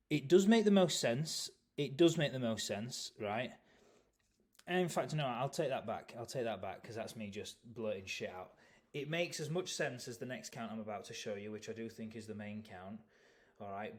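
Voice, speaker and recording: A man giving casual, rambling chart analysis, leaning on "obviously" and correcting himself as he goes. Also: lowish voice. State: yawning, tired. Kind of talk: casual market analysis video.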